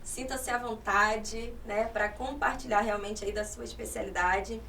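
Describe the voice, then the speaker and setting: A woman's voice: fairly high pitch, steady tone, a little slow, creaky, fairly bright tone. A woman hosting a podcast, introducing and questioning her guest in an upbeat, affirming way. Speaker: podcast host. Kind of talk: casual podcast chat. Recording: distant mic with faint noise.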